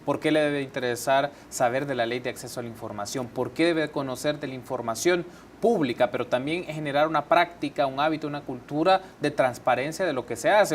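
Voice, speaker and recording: A man's voice: a little high, a little hiss or hum. Man asking long winding interview questions. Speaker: TV interview host.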